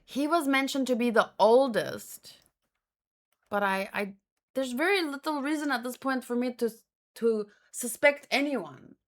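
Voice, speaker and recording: The host of this manga read-along has a high voice and speaks a little slowly. She offers casual reaction commentary, thinking aloud hesitantly and frequently repeating words.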